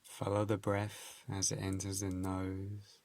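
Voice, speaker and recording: This is a low-pitched man leading a guided meditation. He speaks calmly and gently at an unhurried pace, pausing between measured phrases.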